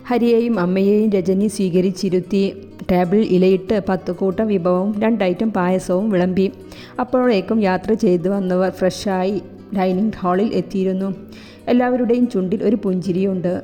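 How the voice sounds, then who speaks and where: A woman narrating a romantic audio novel, reading every character's lines in a steady storytelling voice. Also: mid-range voice. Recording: long hall reverb with soft instrumental music.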